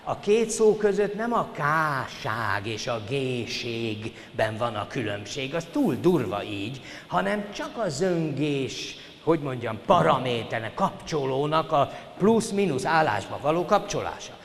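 A man's voice: medium pitch, lively intonation, few pauses, a bit bright. An older man giving a formal university lecture, addressing the students politely and stressing his points with emphasis. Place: lecture hall. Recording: reverberant hall, faint hiss.

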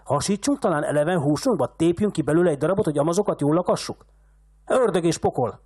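A man's voice: very high-pitched, expressive, pitched above the performer's own voice. A man reading as a raging old rich patriarch. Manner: shouting insults, ranting.

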